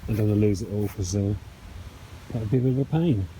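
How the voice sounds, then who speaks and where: A man's voice: on the low side, fast, mellow, a little hiss or hum, low-quality recording. A man giving casual, self-deprecating how-to commentary as he works on a repair, thinking aloud with frequent ums. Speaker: DIY mechanic vlogger.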